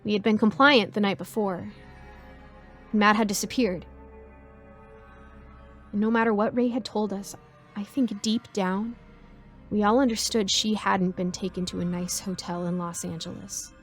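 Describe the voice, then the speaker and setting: A woman narrating a first-person horror story in a measured, suspenseful way. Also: mid-range voice, steady tone, faint music behind.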